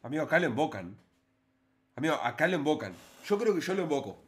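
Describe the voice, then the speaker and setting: A man's voice: a little high, big pitch swings, fast talker. Indignant Argentine man reacting to a clip. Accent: Argentine (Rioplatense) Spanish. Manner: indignant, exclamatory, colloquial. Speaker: streamer reacting to a video. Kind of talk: live-stream reaction commentary.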